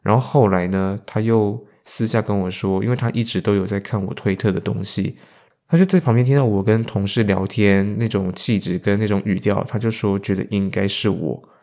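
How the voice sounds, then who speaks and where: A man's voice: on the low side, fairly quick, mellow. A young man with a Taiwanese Mandarin accent telling a story in a casual, self-mocking podcast monologue, acting out the lines of the people in it. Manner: chatty, self-mocking, acts out quoted dialogue. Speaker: podcast host.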